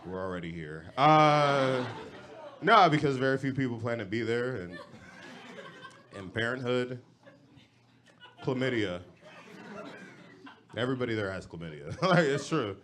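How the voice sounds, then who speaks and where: A young man from Los Angeles works a club stage with stand-up comedy. His delivery is casual, slangy and deadpan, at a middle pitch. A faint hum of the room sits behind him. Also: measured pace, pauses often.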